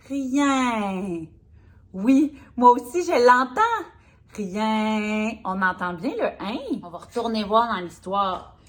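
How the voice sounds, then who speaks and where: A female speech therapist, reading a picture book aloud to a young child, slowly sounding out words. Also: medium pitch. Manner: slow, exaggerated, sounding out words.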